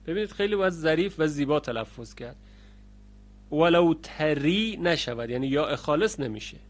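A man teaching the rules of Quranic recitation. He speaks to his students and stops to chant each example word slowly and loudly. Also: on the high side. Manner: addresses learners directly. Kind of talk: recorded lesson on Quranic readings.

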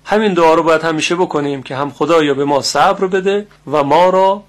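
Slow, deliberate male recitation teacher. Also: a little high. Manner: slow, deliberate, repeats Arabic words to model pronunciation. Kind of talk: religious lesson on recitation and meaning.

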